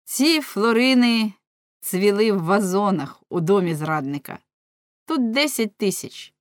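A woman voicing a bold, merry male rebel sea captain in an audiobook, speaking in a rousing, declamatory way, higher and louder than her narration. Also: lively intonation, unhurried, no room sound, studio quality, close to an everyday voice. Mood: boastful.

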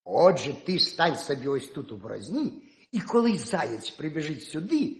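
A man plays a sly little male hedgehog from a storybook tale, cool and cocky, sure he will win. The voice jumps high and low with lively swings in a roomy space. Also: moderate pace. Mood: scheming.

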